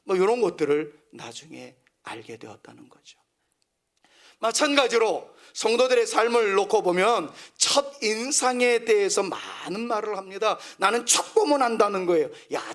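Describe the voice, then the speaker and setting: A middle-aged male pastor from Seoul preaches with a fairly high voice. He speaks earnestly and lets many phrases fall away into a soft near whisper. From Seoul, South Korea. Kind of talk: sermon.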